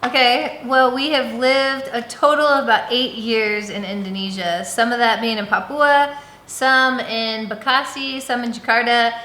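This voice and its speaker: A woman's voice: a little high, steady tone, a little slow, bright, forceful tone. A woman, answering questions in a brief, matter-of-fact way. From California, USA. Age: 30s. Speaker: family vlogger, mother. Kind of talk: casual family Q&A. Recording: echoey room.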